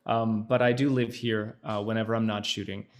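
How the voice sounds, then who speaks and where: In a brisk, level, low-toned voice, the actor (from the Netherlands by his mother) chats casually in a video-call interview. Thoughtful yet halting, he leans on fillers and restarts.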